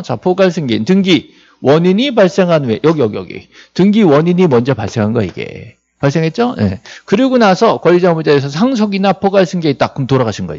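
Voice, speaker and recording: A man's voice: a little high, creaky, darkish tone, dull audio. A man teaching real estate law in a classroom lecture. He is jokey and asks the students questions, then answers them himself. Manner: jokey, acts out little scenes.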